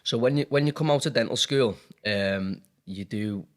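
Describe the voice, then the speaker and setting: At a moderate pace and medium pitch, the Liverpool dentist and business owner in his thirties speaks frankly in his home accent. The interview is casual, and he rambles a little, using many fillers.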